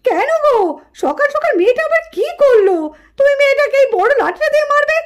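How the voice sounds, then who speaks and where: A woman voicing a gentle grandmother in a puppet cartoon who calms and coaxes the family. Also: extremely high pitch, fast. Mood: coaxing. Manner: coaxing, calming.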